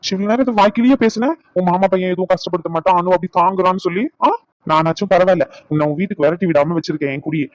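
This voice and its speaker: A performer playing a bossy, grumbling young husband in a cartoon, scolding and teasing at a fast clip. The sound is dry and slightly muffled. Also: medium pitch, no echo, natural voice. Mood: bickering.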